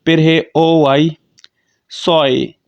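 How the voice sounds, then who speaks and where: A man teaching phonics, calmly explaining definitions and reading word lists. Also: a little high, creaky, clean tone, no room sound, dull audio. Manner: slow, deliberate, reads definitions and word lists aloud. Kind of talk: classroom explanation.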